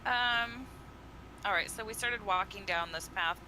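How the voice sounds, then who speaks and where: A woman's voice: medium pitch, a little slow, background noise. A woman playing a tabletop game and chatting casually. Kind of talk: casual chat.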